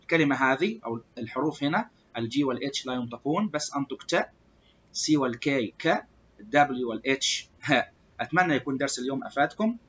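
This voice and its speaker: A man with an Egyptian Arabic accent teaching a beginner English lesson, repeating example words slowly and loudly for practice. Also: mid-range voice, lively intonation, lo-fi sound, slight background noise.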